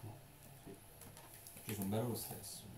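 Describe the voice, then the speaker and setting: A man, joking and swearing casually while commentating a card game stream with friends. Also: normal speed. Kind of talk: casual banter among friends. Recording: echoey room, far from mic, loud ambient noise.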